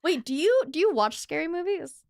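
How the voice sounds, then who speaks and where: A woman's voice: very high voice, sing-song, moderate pace, vocal fry, no room sound. A woman hosting a podcast, telling stories in a casual chat with lots of fillers and laughter. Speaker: podcast host.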